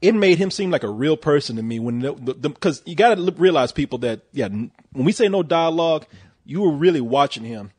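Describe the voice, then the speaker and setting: A man with a somewhat high, husky voice reviews a film in loose, profane chat. He jokes a lot and trips over restarts as he talks. The recording is close and dry. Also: brisk, no room sound. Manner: profane, jokey, animated, many restarts. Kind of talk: casual chat.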